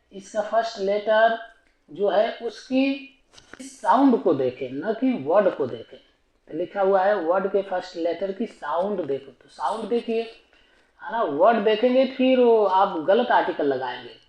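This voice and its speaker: A man's voice: high voice, a little mellow, echoey room, rough recording. A man teaching an online grammar lesson, explaining patiently and repetitively and asking himself rhetorical questions.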